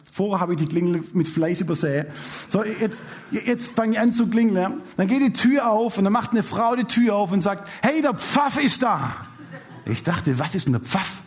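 A male pastor telling a personal story in a sermon, speaking to the audience with lively storytelling. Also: high-pitched. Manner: animated storytelling, addresses the audience directly.

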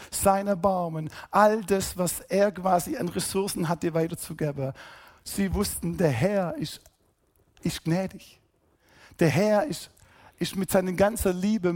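A man preaching a sermon, emphatic, rising to loud calls and then dropping low and quiet. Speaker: pastor.

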